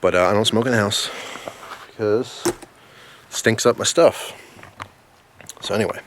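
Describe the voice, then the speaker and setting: A man giving a casual product review in a rambling, halting way, recorded outdoors. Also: fairly low pitch, fairly bright tone, a little hiss or hum. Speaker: pipe tobacco reviewer. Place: outdoors in the snow in winter.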